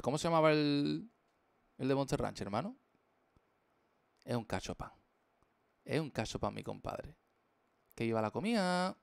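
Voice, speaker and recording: A young man with a creaky, mid-range voice chats casually on a live stream while drawing, recorded with no echo. He's playful and packs his jokey rambling with slang.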